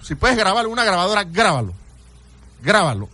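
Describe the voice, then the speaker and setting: High, bright-voiced radio host. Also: male voice, sing-song, moderate pace. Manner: emphatic, theatrical, urging listeners to listen. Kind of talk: radio call-in talk on history.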